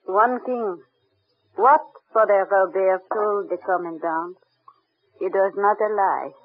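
A woman's voice: medium pitch, fairly even intonation, slow. Older French widow, motherly, kindly, old radio drama, narrow tinny band. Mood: tender, wistful. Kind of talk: old-time radio acting.

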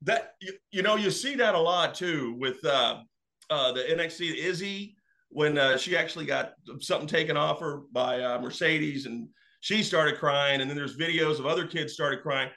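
Male guest, animated casual storyteller, bright tone, slightly high. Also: normal speed, creaky. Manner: animated, acts out quotes. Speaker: wrestling fan guest.

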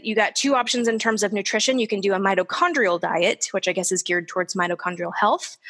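A woman in her forties telling her own story in casual conversation, candid and animated, acting out the people she quotes. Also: medium pitch. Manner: candid and animated, quoting others in lively voices. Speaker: guest. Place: lives in the desert southwest of the US.

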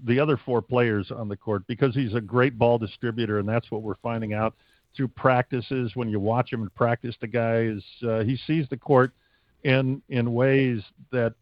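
A man's voice: mid-range voice, no room sound. Dry, dull-sounding American man in interview. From United States. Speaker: stadium announcer being interviewed. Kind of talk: casual interview talk.

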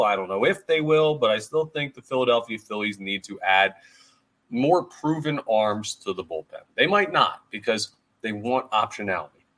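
A man hosting a solo sports podcast, talking energetically and casually with frequent fillers, his voice a bit hoarse. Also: lowish voice, a bit bright. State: hoarse, voice going. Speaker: podcast host.

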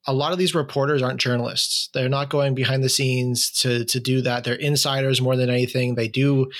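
A man's voice: medium pitch, flat delivery, a little fast, fairly bright tone. A man hosting a casual online discussion over a video call, talking conversationally with many fillers and restarts. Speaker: podcast host asking questions.

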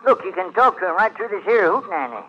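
A man's voice: sits high, lively intonation, quick pace, pushed and bright, slight background noise. A man playing a folksy young rube coaxing his mother at a carnival sideshow, in an old radio drama. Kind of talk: 1940s radio acting. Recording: dull lo-fi old radio recording.

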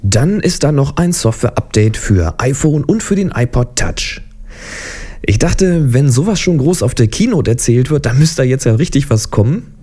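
A man's voice: mid-range voice, expressive, moderate pace, dark tone. A man hosting a podcast, giving casual tech commentary with chatty, wry asides. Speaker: podcast host.

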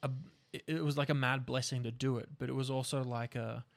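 Gravelly young man telling stories. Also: medium pitch, steady tone, fairly quick. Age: young adult. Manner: swears freely, rambling storytelling with restarts. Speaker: podcast host. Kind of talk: casual chat.

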